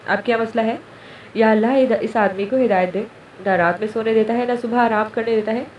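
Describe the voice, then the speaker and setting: A woman's voice: fairly high pitch, fairly even intonation, a little fast, dull audio, slight background noise, close to an everyday voice. A woman voicing a hot-tempered young wife who scolds and complains, recorded at a distance in an echoey room. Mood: scolding.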